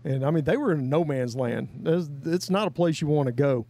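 A man's voice: on the high side, animated, fairly quick, mellow. A man, telling a long story in a folksy, rambling way as a guest. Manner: folksy, rambling, with many "I mean" and "you know". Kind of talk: casual storytelling.

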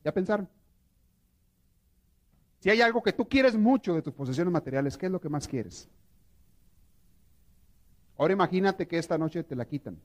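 A man's voice: high voice, moderate pace, long pauses. A man, a priest, teaching a prayer course to a live group, telling stories and asking his listeners questions. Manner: animated storytelling, asks the audience questions.

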